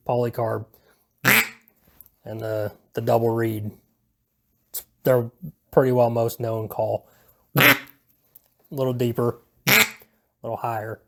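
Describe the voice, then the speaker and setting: A man's voice: medium pitch, vocal fry, a little hiss or hum. A man giving a casual, unscripted how-to in a hesitant, self-deprecating, laid-back way, rambling as he goes. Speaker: video presenter giving a hobby how-to. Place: indoors at home.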